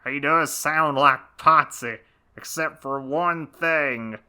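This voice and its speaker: A man's voice: fairly high pitch, slow, sharp tone, clear, resonant tone, exaggerated voice. A man voicing a weary, exasperated male pet owner on a storybook record. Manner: exasperated, groaning.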